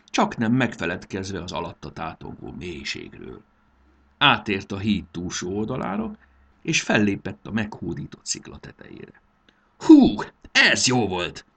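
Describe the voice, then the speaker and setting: A man narrating a children's adventure story in a scripted, storybook style. His voice is low, with a gravelly and husky texture. He reads expressively, with pitch that rises and falls in lively curves. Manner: expressive, animated reading.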